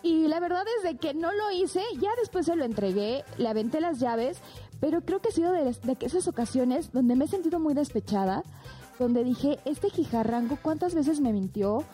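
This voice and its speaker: Animated high-voiced Mexican woman storyteller. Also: moderate pace, faint music behind. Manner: animated, dramatic storyteller addressing listeners as "señores". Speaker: podcast co-host. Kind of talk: storytelling in casual chat.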